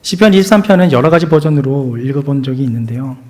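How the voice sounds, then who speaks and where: A man preaching a sermon as pastor, earnest and expressive, leading the congregation in reading. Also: mid-range voice, fast talker.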